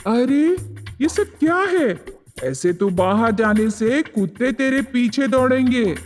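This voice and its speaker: A woman voicing an old village husband who is baffled and grumbling, speaking slowly in a flustered way. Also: fairly high pitch, animated, a little mellow, voice pushed down. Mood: alarmed. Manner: slow, flustered complaining. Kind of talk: storybook character voice. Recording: reverberant, with faint music.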